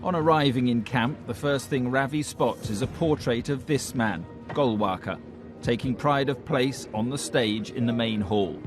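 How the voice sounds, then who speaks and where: A man's voice: medium pitch, normal speed. A man reading a scripted documentary narration. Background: music.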